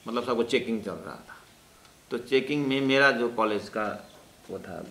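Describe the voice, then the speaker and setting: Gravelly-voiced male teacher telling a story. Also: medium pitch, expressive, moderate pace, a bit bright. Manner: rambling, with self-corrections and hesitant fillers. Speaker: religious teacher. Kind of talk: anecdotal storytelling in a class. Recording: roomy echo, faint background noise.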